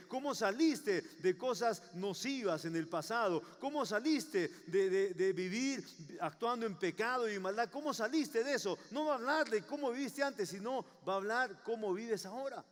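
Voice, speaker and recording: A man with a high voice preaches a sermon, stacking up rhetorical questions and pressing each point with emphasis. His voice rings out through a church hall with a long, lingering reverb. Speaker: pastor.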